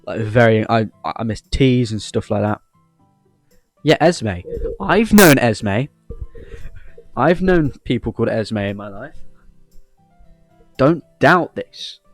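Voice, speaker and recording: This English gaming channel host, deep-voiced and very animated, gives cheeky, joking, rambling commentary on his playthrough and reads game dialogue out loud. He speaks slowly and pauses often. There's no echo, and soft music plays in the background.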